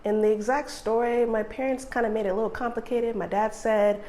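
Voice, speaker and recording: A woman sign language interpreter speaking in the first person, measured and earnest, with steady pauses. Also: a little high.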